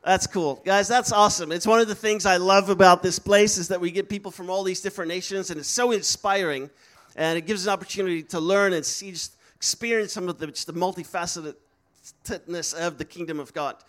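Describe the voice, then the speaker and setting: This high, fairly bright voice belongs to a young man from the Netherlands who talks briskly with fairly even intonation. Addressing a live crowd at a missions school, he stays upbeat and encouraging and calls out to them.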